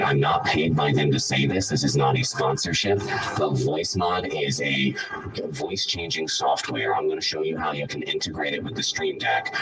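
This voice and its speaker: A man's voice: a bass voice, fairly bright tone, recorded from a distance, voice pushed down, rough recording. A man streaming through a cyberpunk-style voice changer filter, explaining a tutorial step by step in an upbeat way. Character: cyberpunk-style synthetic male voice. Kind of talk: casual tutorial talk to stream viewers.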